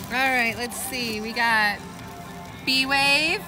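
A young woman with a high voice chats cheerfully and sounds pleasantly surprised while unwrapping gifts on a patio. Music plays clearly underneath. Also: takes it slowly. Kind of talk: casual chat unboxing gifts. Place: outdoor patio.

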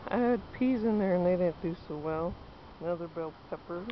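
A woman's voice: on the low side, fairly quick. A woman in her thirties walks through her backyard garden, chatting casually as she points out plants to a handheld camera. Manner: chatty, pointing things out while walking. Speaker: home gardener. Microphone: handheld camera at arm's length. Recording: dull lo-fi outdoor camera audio, clear background noise.

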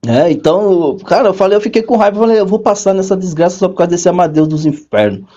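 A man with a fairly high voice tells his story in a chatty interview, leaping up in pitch whenever he acts out what someone said to him. The sound is a bit muffled and lo-fi. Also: fast talker. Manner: animated storyteller, acts out quoted dialogue with big pitch jumps. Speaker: guest, court clerk.

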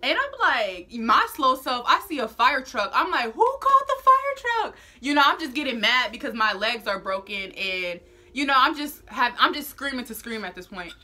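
A young woman telling a storytime vlog in animated, casual slang, acting out what people said. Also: a little high, normal speed. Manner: acts out quoted lines. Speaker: vlogger.

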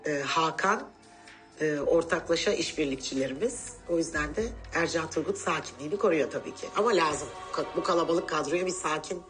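A woman hosting a hidden-camera show, calmly giving instructions and commentary as a prank unfolds. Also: sits low, a little fast, music in the background. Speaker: host directing a prank.

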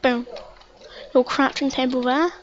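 A woman's voice: high voice, fairly even intonation, measured pace. A woman giving casual, stammering narration of a let's play, repeating words and chatting to the game as she plays. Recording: dull lo-fi mic with faint hiss.

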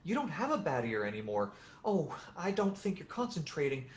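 A man playing a gentle, very old angel in a radio drama, earnest, innocent and fussily polite. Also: on the high side, very animated, moderate pace, echoey room. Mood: earnest, delighted.

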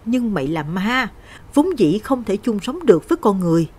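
A woman's voice: medium pitch, very animated, moderate pace, darkish tone, husky. A woman voicing an older village woman, a loyal friend who pleads earnestly. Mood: pleading.

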